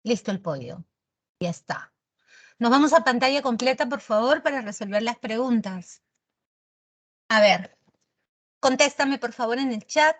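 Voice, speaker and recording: Woman teacher, slangy and teasing, online class, higher voice. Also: expressive, a little slow, pauses often.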